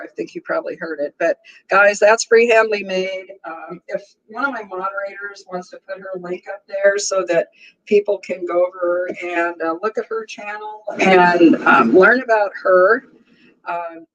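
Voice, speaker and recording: A woman in her sixties with a strong, mid-range voice hosts a casual livestream, chatting easily with her viewers and laughing often. The recording quality is low.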